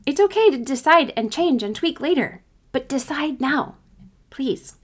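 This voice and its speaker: A woman's voice: sits high, lively intonation, a little slow. A woman hosting a solo coaching podcast, talking conversationally and giving informal, encouraging advice.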